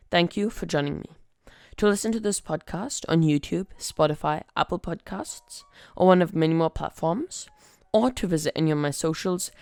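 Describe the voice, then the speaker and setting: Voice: medium pitch, vocal fry, no room sound. A podcast host reading online stories aloud in a wry, conversational way. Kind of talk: story reading.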